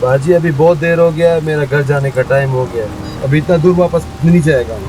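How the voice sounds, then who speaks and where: A man's voice: a little high, brisk, music in the background, close to an everyday voice, low-quality recording. An actor playing a blunt, grumbling male taxi driver in a TV drama, talking in plain broken phrases. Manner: blunt, uses simple broken grammar. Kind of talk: TV drama acting.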